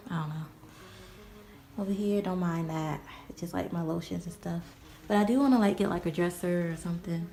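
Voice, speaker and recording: A twenty-year-old woman gives a casual, rambling vlog tour, peppering her speech with "like" and "you know." Her voice is fairly low with vocal fry, and background music plays.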